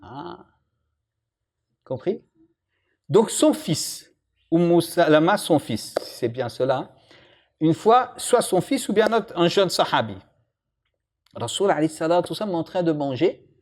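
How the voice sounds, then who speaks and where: Speaking a little high and a little slowly, with long pauses, an imam teaches an informal religious lesson. His manner is lively as he jokes with his listeners and questions them.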